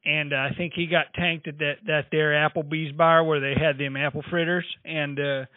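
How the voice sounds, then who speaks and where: A man's voice: a little high, level tone, normal speed, dry recording, close to an everyday voice. A man playing a rambling, oblivious trucker in a prank phone call, heard over a dry, tinny phone line. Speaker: prank caller.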